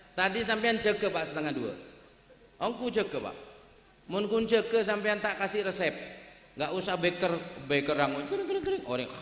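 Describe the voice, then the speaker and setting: Joking preacher, echoey hall. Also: male voice, a little high, a bit bright. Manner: jokey, chatty, addresses the crowd directly. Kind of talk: humorous sermon at a wedding gathering. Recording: echoey hall with long reverb.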